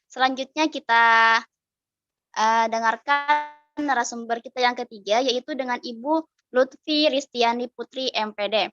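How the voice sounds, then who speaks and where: A woman's voice: a little high, a little slow, fairly bright tone, soft background music. A woman moderator formally introducing a speaker and reading her bio on a video call. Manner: formal, reads from script. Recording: dry, thin lo-fi video call audio.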